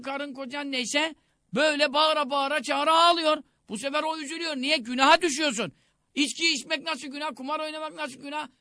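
A man's voice: very high voice, bright, forceful tone, no echo, clean studio sound. A man preaching a religious sermon, urging listeners with rising emphatic exhortations.

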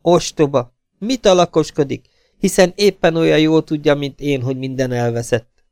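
A man reading an audiobook voices a middle-aged actress dependent on morphine, talking erratically and swinging between sharp outbursts and hushed murmurs. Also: fairly high pitch, dry recording, clean studio sound, pitched above the performer's own voice, natural voice. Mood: feverish.

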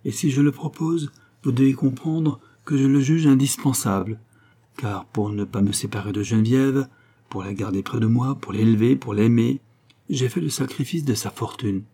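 A man reading the part of an aristocratic mother in an audiobook, pleading her case with measured, earnest persuasion. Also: medium pitch, dark tone, breathy edge. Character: devoted aristocratic mother, middle-aged woman, calm and firm.

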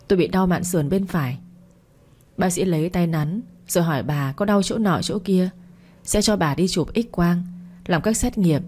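A woman tells a story in a calm, even audiobook style. Her voice sits a little low and sounds mellow and soft-edged, with a steady, unhurried delivery. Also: husky. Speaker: narrator. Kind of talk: scripted audiobook narration.

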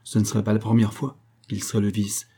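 A man's voice: lowish voice, completely flat delivery, quick pace, mellow, husky. A man reading an audiobook, voicing a witty, loyal male friend who jokes while defending his companion. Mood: wry. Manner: wry, jovial.

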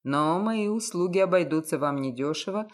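A cynical, self-assured male private detective, put on by a woman reading an audiobook. He speaks low and unhurried with a mocking, condescending calm. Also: close to an everyday voice. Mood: mocking lecture.

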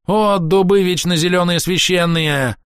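Man voicing shrill frantic elf sorcerer. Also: measured pace, dry recording, clean studio sound, lightly acted. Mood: frantic invoking. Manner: shrill, declamatory wailing. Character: frantic pompous male elf sorcerer, pleading.

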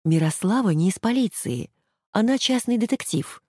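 A woman voicing a gentle timid young woman. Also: mid-range voice, expressive, normal speed, no room sound, studio quality, voice pushed up, lightly acted. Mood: placating. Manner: soft, placating.

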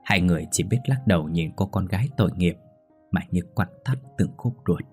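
Deep husky male storyteller. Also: expressive, a little fast, a little mellow. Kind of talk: scripted narration of a ghost story. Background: faint music.

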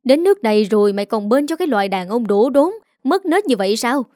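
A woman's voice: on the high side, big pitch swings, quick pace, darkish tone, no room sound, studio quality. A woman voicing an aging village mother who is tearful and bitterly complaining.

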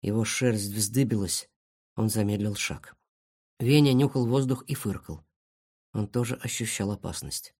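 Expressive storybook narrator, mid-pitched and even. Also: unhurried, breathy edge. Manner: expressive reading. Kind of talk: audiobook storytelling.

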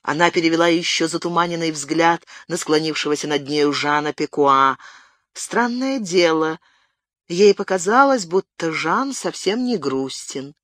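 A man narrating an audiobook in a measured, expressive reading. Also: on the high side, dry recording, clean studio sound. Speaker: audiobook reader. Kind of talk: scripted narration.

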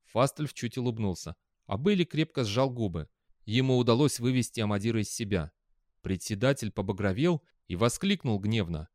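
Brief: male audiobook narrator, mid-pitched, calm delivery, dry close recording. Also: moderate pace, no room sound. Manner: calm, even storytelling. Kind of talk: scripted narration.

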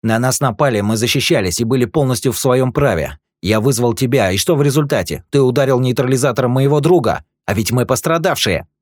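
A man voicing a brash young male sidekick who angrily shouts demands. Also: mid-range voice, animated, fairly quick, hardly any pauses, no echo, studio quality, voice pushed up, close to an everyday voice. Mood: furious. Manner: angry, shouting, defiant.

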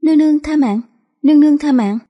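Give me a woman playing a frightened male jailer pleading for his life, high and shaky. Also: fast talker, dark tone, lightly acted. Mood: begging. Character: terrified male prison chief begging for mercy.

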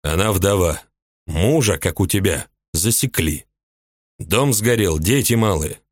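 A soldier captain speaks calmly and patiently, trying to smooth things over, as a man reading an audiobook voices him. The delivery stays level in a close, dry recording. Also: low voice, unhurried, dry recording. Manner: calm, placating.

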